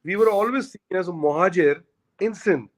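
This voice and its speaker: Speaking at a moderate pace in a voice that sits high, an Urdu-speaking man argues forcefully as a guest in a conversation. He is emphatic and argumentative, returning to the same points again and again.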